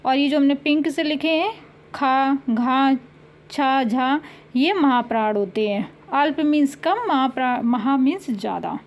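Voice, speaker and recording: A woman teaching a grammar lesson for exam preparation, repeating each sound and word slowly for her pupils. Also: high-pitched, lively intonation, darkish tone. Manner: slow, drawn-out repetition of sounds and words for pupils.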